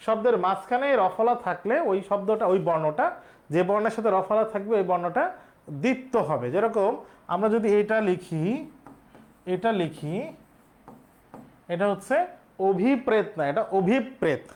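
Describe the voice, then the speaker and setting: A man's voice: sits high, moderate pace, long pauses. A male teacher, explaining exam questions step by step and quizzing his students. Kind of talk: exam-prep lesson.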